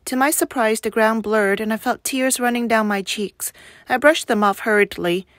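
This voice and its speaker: A woman, a teacher, reading a novel aloud in a steady, even narration. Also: on the high side, moderate pace, no room sound, studio quality.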